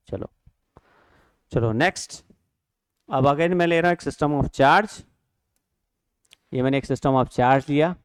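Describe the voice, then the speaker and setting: A male teacher walks students through physics problems, asking and answering his own questions. His voice is clear and sits a little high. The sound is dry and close. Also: darkish tone, dry recording. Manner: explains step by step, asks and answers students' questions himself; mixes English terms into Hindi. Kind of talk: classroom lecture. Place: classroom or studio.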